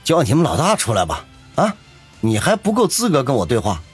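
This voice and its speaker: A man doing a cold, husky innkeeper boss. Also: mid-range voice, sing-song, moderate pace, soft background music, pitched above the performer's own voice. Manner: curt, commanding. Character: cold, imposing middle-aged male innkeeper.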